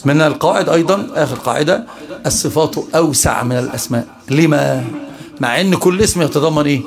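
A man's voice: fairly high pitch, fast talker. A man with an Egyptian Arabic accent, a sheikh teaching a religious study lesson and quizzing his listeners with rhetorical questions. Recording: live class with audience noise.

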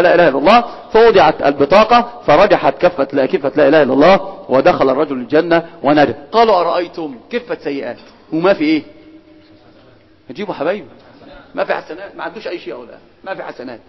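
A man with an Egyptian accent teaching a religious lesson. He quizzes his students and swings between loud and soft speech. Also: high-pitched. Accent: Egyptian Arabic. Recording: dull, hall with long reverb.

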